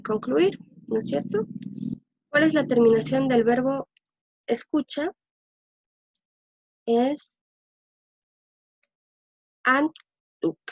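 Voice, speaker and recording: Slow, husky woman teaching a lesson. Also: fairly high pitch, darkish tone, dry recording. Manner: patient, repeats words slowly to drill pronunciation. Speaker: language teacher. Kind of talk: slow explanatory lesson, thinking aloud. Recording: dull lo-fi dry recording.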